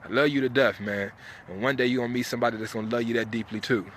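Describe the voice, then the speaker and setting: A man's voice: mid-range voice, fairly even intonation, racing, a bit bright, a little hiss or hum. A man giving an informal motivational speech straight to his viewers, emphatic and repeating phrases for effect. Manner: informal, colloquial, direct address. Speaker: motivational speaker, live stream host.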